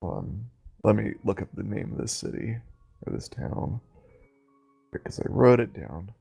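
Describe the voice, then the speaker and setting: Husky male tabletop player, lively intonation, halting and inquisitive, casual delivery. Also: lowish voice, faint music behind. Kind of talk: casual in-character game talk.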